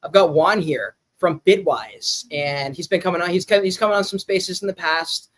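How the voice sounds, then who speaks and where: A man's voice: high-pitched, normal speed, fairly bright tone. A man hosting a podcast, introducing his guest in a chatty, enthusiastic way. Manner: chatty, enthusiastic slangy talk. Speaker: podcast host.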